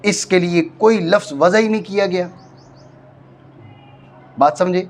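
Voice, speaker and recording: Against slight background noise, a high-pitched man from Pakistan delivers a classroom lecture on Arabic grammar. He breaks things down step by step, goes over points again, and often makes sure his students are keeping up.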